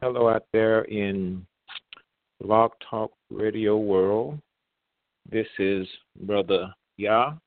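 A man hosting an online radio talk show, heard over a phone line, speaking in a measured way with pauses and fillers. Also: fairly low pitch, steady tone, faint music behind. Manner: measured, pausing, with many fillers. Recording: tinny, dry phone line.

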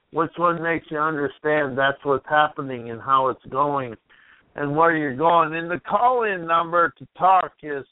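Through a tinny radio line that sounds like a phone, a man with a voice on the high side hosts a motivational call-in show. The recording is dry. He rambles, questions the listener, and is losing his voice.

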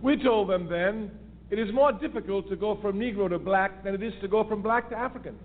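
A man with a high voice talks fairly quickly on a call-in radio show, making an impassioned political argument. He's forceful and emphatic, circling back to his key phrases, and the phone connection sounds tinny with a faint hiss.

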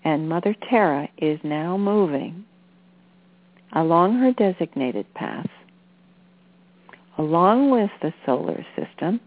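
Woman doing a spiritual channeling talk, really slow n soothing, halting phrases, dry thin phone sound. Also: deep voice, creaky, dry recording. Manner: unhurried, deliberate, with halting phrases. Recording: phone-like narrow-band sound.

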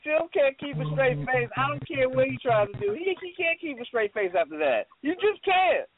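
A man's voice: very high-pitched, big pitch swings, moderate pace. A man co-hosting a podcast in casual chat, blunt and joking, talking emphatically. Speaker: podcast co-host. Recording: tinny phone-like line.

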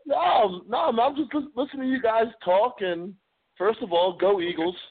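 Guy calling in on a phone line, kinda high voice, tinny and dry, easygoing but argues his point. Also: normal speed, husky, no room sound. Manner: laid-back, argumentative, says "man" a lot. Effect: over the phone. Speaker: caller. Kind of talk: casual sports debate.

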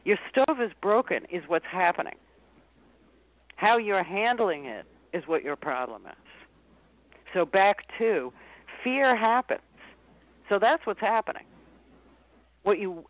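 A woman guest on a radio interview, working as a life coach, explaining her advice in an animated way and repeating phrases for emphasis. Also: lowish voice, a little slow, long pauses, dry recording. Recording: tinny phone-line sound, dry.

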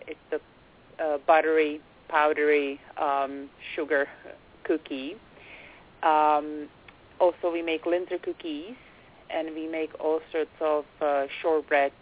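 A young woman from the Czech Republic with a Czech accent, a quiet, soft-spoken guest on a radio interview who hesitates often with fillers. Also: low voice, little pitch movement, takes it slowly. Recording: phone-like band, faint hiss.

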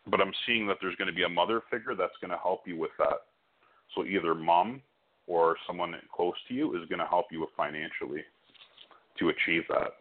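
Muffled, band-limited audio carries a man with a low voice. He gives a psychic hotline reading in a reassuring manner, often seeking the listener's agreement. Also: a little fast. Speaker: phone-in psychic medium.

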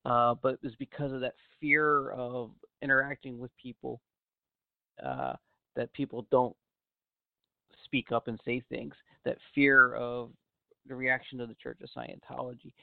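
A man's voice: medium pitch, expressive, measured pace, creaky, no room sound. A man hosting a podcast, talking in a casual, rambling way. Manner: rambling, full of uh fillers and restarts. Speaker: podcast host. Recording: narrow phone-like sound, dry.

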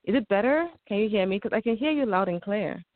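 A woman's voice: medium pitch, animated, fast, no room sound. A woman, a guest founder of a spa company, calling in on a phone line that keeps cutting in and out, puzzled and checking whether she can be heard. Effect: phone call breaking up, cutting in and out. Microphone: phone call. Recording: thin dry phone line.

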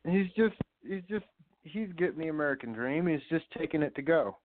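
A man's voice: on the high side, lively intonation, a little fast, no room sound. Wisecracking man on a tinny line. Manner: wisecracking, swears freely. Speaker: podcast co-host. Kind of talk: profane casual chat. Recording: tinny phone-like line, dry.

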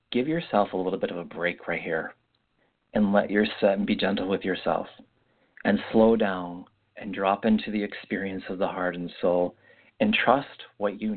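A man's voice: low-pitched, breathy edge. A man who hosts a spiritual podcast, talking off the cuff in a reflective, meandering way with repeated phrases, his voice sounding echoey. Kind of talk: unscripted spiritual guidance talk. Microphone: makeshift mic, not the usual podcast one. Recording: echoey, muffled phone-like sound without usual microphone.

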